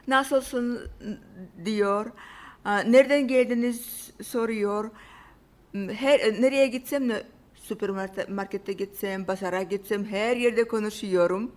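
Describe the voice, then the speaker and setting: A woman from Russia with a Russian accent, telling about her own life casually in simple, halting non-native Turkish with grammatical slips. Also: a little high. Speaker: interview guest. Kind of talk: casual personal storytelling.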